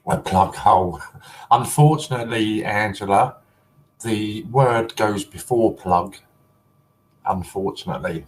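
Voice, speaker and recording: A man's voice: lowish voice, measured pace, rough recording. A man hosting a casual collector livestream, chatty and teasing, often breaking into giggles.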